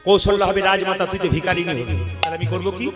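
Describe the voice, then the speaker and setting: A man's voice: high-pitched, steady tone, quick pace, loud music behind the voice, lightly acted. A man doing a spiteful, whispering schemer woman. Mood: conspiratorial. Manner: hushed, conspiratorial murmuring.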